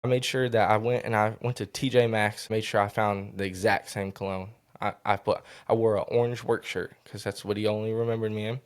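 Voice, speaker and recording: Young male podcast guest, low-pitched, earnest, halting delivery with many restarts. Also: steady tone, clear, resonant tone. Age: young adult. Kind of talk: emotional personal story in a podcast interview.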